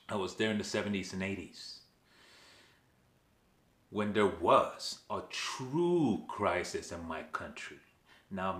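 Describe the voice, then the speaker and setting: In an echoey room, a Venezuelan man with a deep, slightly bright voice hosts his own channel, commenting directly to camera. He speaks emphatically, repeatedly checking in with an "okay" and asking his viewers questions.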